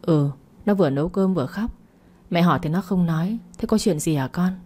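A woman reading the part of a gentle, persuasive middle-aged mother in a storybook reading. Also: lowish voice, fairly quick, natural voice. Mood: coaxing. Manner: gentle, coaxing.

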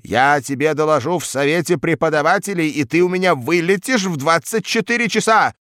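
A man's voice: on the high side, fairly bright tone, dry recording, studio quality, pitched above the performer's own voice, natural voice. Man doing a pompous, blustering old-school lecturer. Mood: angry. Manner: hemming with drawn-out "uh" fillers, bossy. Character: pompous blustering male lecturer, middle-aged.

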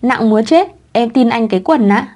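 A woman voicing a sharp-tongued young wife in a read-aloud story, in her own plain voice. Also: a little high, normal speed, lightly acted. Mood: wry.

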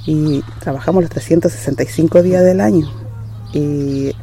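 A woman's voice: sits low, normal speed, dark tone, slight background noise. A woman, a rural farmer and community leader talking earnestly and determinedly, often restarting her sentences. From Valle de Azapa, northern Chile. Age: 60s. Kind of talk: casual testimony.

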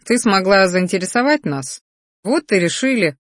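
A woman voicing a steady, serious young male student in a fantasy audiobook. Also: medium pitch, normal speed, dry recording, clean studio sound, lightly acted.

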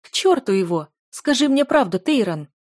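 A woman's voice: medium pitch, a little fast, a little mellow, no room sound, clean studio sound, close to an everyday voice. A woman voicing a desperate young female student in love, pleading emotionally with a raised voice.

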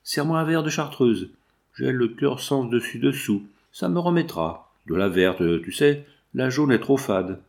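A man's voice: mid-range voice, lively intonation, a little slow, gravelly, a little mellow, pitched above the performer's own voice. A man reading aloud, putting on the voice of a bold, cheeky red-haired young showgirl who scolds and teases. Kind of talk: audiobook reading.

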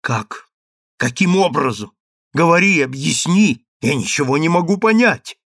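A man's voice: medium pitch, lively intonation, measured pace, fairly bright tone, no echo, clean studio sound. A man voicing a stern, grieving mother who presses her daughter for the truth in a storybook reading. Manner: stern and insistent. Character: stern grieving mother, commanding then pleading.

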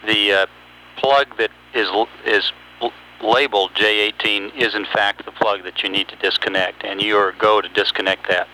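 A man's voice: on the low side, steady tone, moderate pace, bright, forceful tone, poor audio. A male mission control communicator speaking in clipped, procedural phrases over a space-to-ground radio link. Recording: space radio with hum, beeps, noise.

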